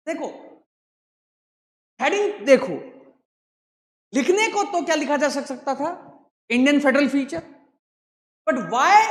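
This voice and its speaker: In a large, echoey classroom with long reverb, a man gives a lecture, constantly quizzing students with rhetorical questions. His voice is very high and a bit bright.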